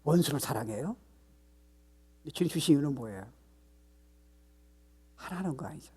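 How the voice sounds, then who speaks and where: A man's voice: fairly high pitch, expressive, brisk, darkish tone, slightly rough. Older man, pastor, sermon, swooping intonation, rhetorical questions.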